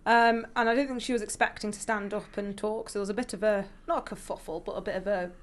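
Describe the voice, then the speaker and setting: A woman's voice: mid-range voice, fairly even intonation, quick pace. A woman co-host in casual conversation, talking in an informal, anecdotal way. She sounds like someone chatting among colleagues on a podcast. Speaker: podcast co-host and opinion writer.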